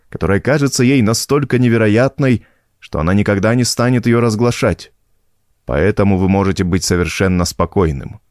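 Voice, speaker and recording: Storybook: gentle, firm old priest played by a male reader, solemn, preachy. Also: medium pitch, no room sound, clean studio sound, natural voice. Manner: calm, preaching tone.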